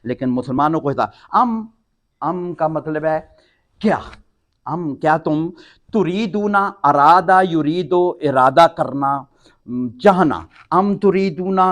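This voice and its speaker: Older man teaching Quran word by word. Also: on the high side. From Pakistan. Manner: recites Arabic, then explains each word, repeating terms.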